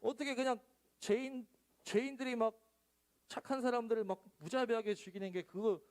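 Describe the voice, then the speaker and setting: A man's voice: very high-pitched, steady tone, a little fast, pitched above the performer's own voice. A male pastor voicing an exasperated prophet who protests and pleads with God. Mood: protesting.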